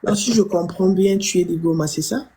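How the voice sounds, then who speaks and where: A woman hosting a live call-in stream with a raspy voice, mostly giving short prompts and questions to callers. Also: lowish voice, a little fast, dark tone, low-quality recording. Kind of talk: casual live call-in show.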